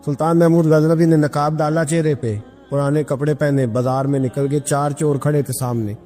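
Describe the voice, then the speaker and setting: A male preacher telling religious stories in a sermon, acting out the people in them with big swings of voice. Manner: animated storytelling, acting out quoted speakers with big pitch swings. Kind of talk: Islamic sermon storytelling. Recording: echoey hall with background music.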